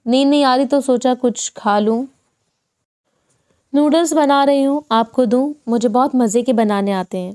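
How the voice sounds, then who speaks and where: A woman's voice: high-pitched, darkish tone, natural voice. A woman voicing a caring, cheerful young wife in an audiobook. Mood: playful. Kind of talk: audiobook dialogue.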